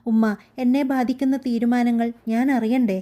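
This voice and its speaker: Quiet firm young wife in a storybook, woman reading her lines, mellow tone. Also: fairly high pitch, level tone, moderate pace, pitched above the performer's own voice, natural voice. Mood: resolute. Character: young wife, hurt but growing resolute.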